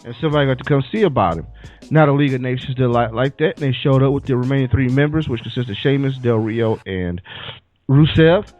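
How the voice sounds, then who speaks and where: A man's voice: medium pitch, quick pace, darkish tone. A man hosting a casual chat, recapping events in a laid-back storytelling way. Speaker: podcast host. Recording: muffled lo-fi with faint music.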